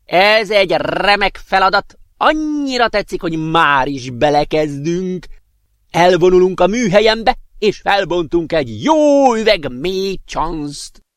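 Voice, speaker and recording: A man voicing an excitable old professor in a read-aloud story, talking in booming, drawn-out bursts. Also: no echo, studio quality. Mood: gleeful.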